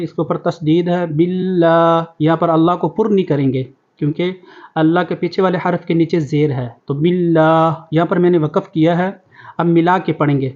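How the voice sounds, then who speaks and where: High-voiced man teaching Quran recitation. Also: darkish tone, highs cut off. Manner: alternates slow drawn-out recitation with quick explanations. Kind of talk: tajweed lesson, recitation with explanation.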